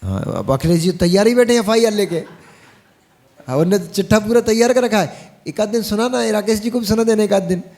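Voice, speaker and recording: A man's voice: sits high, lively intonation, a little fast, darkish tone. A man gives a Jain monk's sermon in a folksy style, speaking straight to his audience with teasing asides. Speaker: Jain monk preacher.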